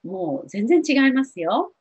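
Middle-aged woman counselor, soft and reassuring, speaking to TV viewers; lively, expressive pitch; slightly dull lo-fi sound. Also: unhurried, husky. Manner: gentle, reassuring, many fillers. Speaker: spiritual counselor answering viewer questions. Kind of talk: advice talk to TV viewers. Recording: dull lo-fi TV audio.

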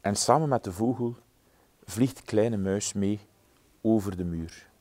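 A man reading a children's story aloud, gentle and measured. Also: on the low side. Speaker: storybook reader.

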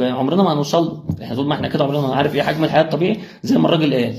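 A young man with an Egyptian accent giving a motivational religious talk, firing rhetorical questions straight at the listener. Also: on the high side. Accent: Egyptian Arabic. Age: young adult. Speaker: preacher.

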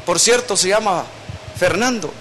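A man's voice: high-pitched, measured pace, fairly bright tone, slight background noise. A male pastor, preaching a sermon in a conversational storytelling way. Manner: conversational storytelling preaching, acting out quoted voices.

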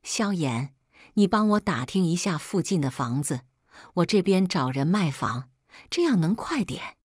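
A woman's voice: lowish voice, very animated, measured pace, darkish tone, breathy edge, no echo, studio quality, full character voice. A woman voicing a tired but determined young woman in a story. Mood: resolute. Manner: weary, resolute. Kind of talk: scripted story narration.

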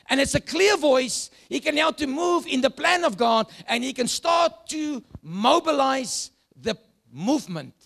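A South African man preaching a sermon, moving between loud shouts and hushed, dropping asides. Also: very high-pitched, creaky. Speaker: pastor.

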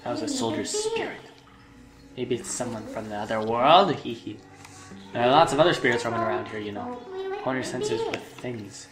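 A man's voice: mid-range voice, huge pitch swings, normal speed. A man reading aloud the lines of a teasing, bossy female imp companion over game music.

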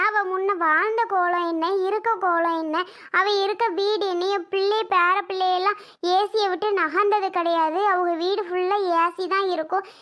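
A woman's voice: very high-pitched, sharp tone. A woman voicing an older mother-in-law who lectures and reproaches a young woman in a family skit.

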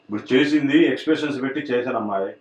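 Boastful man, fast and echoey. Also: medium pitch. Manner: boastful and stubborn. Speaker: mimicry artist guest. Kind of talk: comic interview. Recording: roomy, from a distance.

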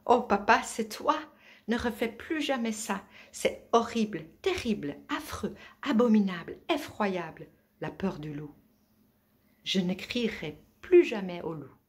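A woman voicing a small, panicky young male rabbit who screams in shrill cries. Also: animated, unhurried, close to an everyday voice. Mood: shaken scolding.

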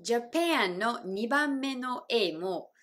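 A woman's voice: on the high side, expressive. Upbeat woman teaching pronunciation. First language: English. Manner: bright, upbeat, models phrases slowly and clearly. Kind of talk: friendly video lesson with demonstrations.

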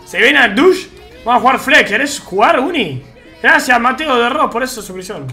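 A man with a Rioplatense Argentine accent keeps up relaxed, slangy banter with his stream chat as he games, faint game music playing behind him. He speaks at a normal speed in a very high, sing-song voice that sounds pushed and bright.

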